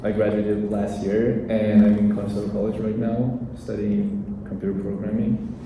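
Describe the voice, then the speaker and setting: A young man gives an earnest, halting talk at an event. His voice is dark, fairly low and flat. He is heard from a distance in a very echoey room. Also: slight background noise. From Iran. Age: young adult. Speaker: international student speaker. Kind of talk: short speech at an event. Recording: very echoey room, mic far off.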